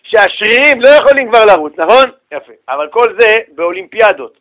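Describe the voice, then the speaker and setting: A man's voice: high-pitched, expressive, fairly bright tone. A man giving a casual religious talk, telling a story in a chatty, slangy way, addressing listeners directly and acting out the voices in it.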